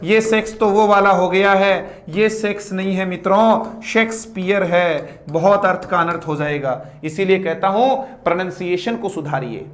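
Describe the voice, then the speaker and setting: A man teaching a live online English grammar class in Hindi. He reads English example sentences slowly and then explains them in Hindi, playfully correcting mispronounced words. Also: high-pitched, a bit bright, echoey room.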